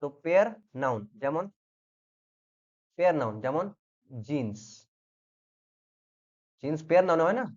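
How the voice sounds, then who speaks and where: A man's voice: a little high, animated, measured pace, long pauses, highs cut off. A man teaching grammar in an online lesson, patiently repeating each point and checking that the students follow. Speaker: exam-prep English teacher.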